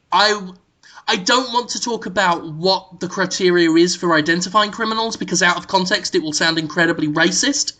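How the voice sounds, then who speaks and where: A man co-hosts a comedy podcast, delivering an absurd proposal with a totally straight, deadpan seriousness. His voice is bright and forceful, and he leans on frequent ums and uhs as he builds the bit. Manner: deadpan mock-serious pitch of an absurd plan. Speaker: podcast co-host.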